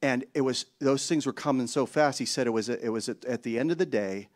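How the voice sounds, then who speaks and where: A man preaching a sermon, telling a story with animated exclamations and chuckling asides. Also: medium pitch, a little fast. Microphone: handheld mic.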